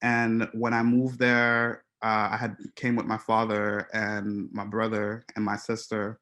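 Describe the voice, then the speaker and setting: Haitian-born guy presenting his photo work, low voice, pretty flat, lots of ums. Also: measured pace. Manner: hesitant, many ums and restarts, reflective. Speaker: photographer giving an artist talk. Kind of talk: presenting slides to an audience.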